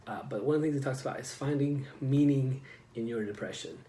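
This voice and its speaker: A man's voice: mid-range voice, quick pace, dark tone. A man in a casual personal vlog, talking straight to the viewer, rambling with many fillers and restarts. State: getting emotional. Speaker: vlogger. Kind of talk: casual personal talk to camera.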